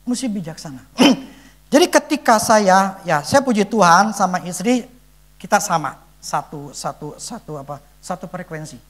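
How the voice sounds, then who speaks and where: A father gives an earnest church testimony in a conversational, sermon-like style, speaking emphatically and often pausing as he searches for words. His voice sits high, animated and fairly bright.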